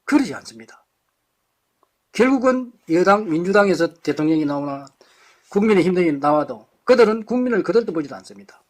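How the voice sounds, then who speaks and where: A man's voice: high-pitched, animated, fairly quick, darkish tone. A man giving an impassioned political lecture to a live audience, firing off rhetorical questions and blunt insults.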